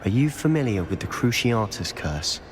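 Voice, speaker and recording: An actor playing a secretive, determined teenage wizard in a video game, speaking with hushed, deliberate emphasis. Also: male voice, on the low side, big pitch swings. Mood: grave, confiding. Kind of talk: video game dialogue acting. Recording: long reverb, noisy background.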